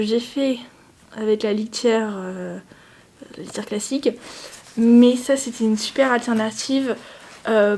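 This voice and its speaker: A woman's voice: a little high, warm tone. A young woman chatting casually in a home vlog, rambling with self-mocking asides. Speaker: vlogger.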